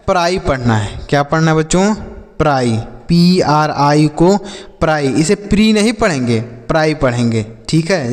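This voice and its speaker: A man with a slightly raised voice leads an English phonics lesson like a teacher in front of a class. He spells words out slowly, letter by letter, and keeps asking what they read. A long reverb trails behind his speech. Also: on the high side. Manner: repetitive call-and-response questioning.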